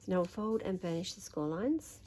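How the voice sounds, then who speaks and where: An Australian woman with a slightly croaky voice, talking through a papercraft tutorial while she folds and trims, chatty and thinking aloud. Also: lowish voice, lively intonation, a little fast, noisy background. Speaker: papercraft demonstrator. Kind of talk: craft tutorial narration.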